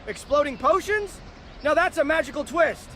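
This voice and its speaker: An eccentric, grandiose mystic from a fantasy comedy. The voice sits extremely high and declaims with whimsical theatre, with slight ambient noise underneath. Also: male voice, lively intonation, moderate pace, pushed and bright, exaggerated voice. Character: whimsical, grandiose eccentric mystic who reveres spirits and prophecy. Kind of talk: scripted fantasy comedy dialogue.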